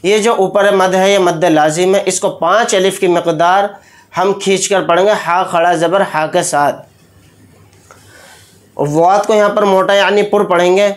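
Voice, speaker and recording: Recitation teacher, male, high voice, very slow, deliberate explanations with chanted examples. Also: steady tone. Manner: draws out recited words in long, chanted tones. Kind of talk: tajweed lesson. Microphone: close mic, speaking while pointing with a pen.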